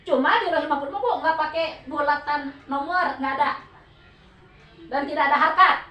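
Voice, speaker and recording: Soft music plays behind a high, bright, forceful female voice at a moderate pace. She's a Sundanese-accented religious teacher holding a Quran study talk for a women's group, explaining with patience and regularly asking the group for answers. The echoey room makes her sound far off.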